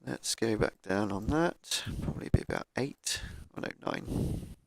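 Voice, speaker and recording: Man, low and gravelly with a croaky cold, casual gaming commentary, dry cheap mic. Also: expressive, a little slow. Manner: thinking aloud, laid-back, with fillers. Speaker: gaming YouTuber. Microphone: cheap microphone.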